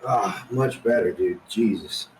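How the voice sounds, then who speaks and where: A podcast co-host chats loosely and casually about comics and films, scattering slang and saying "dude" and "like" a lot. His voice is on the low side and his pace measured. The recording is low quality, with slight background noise.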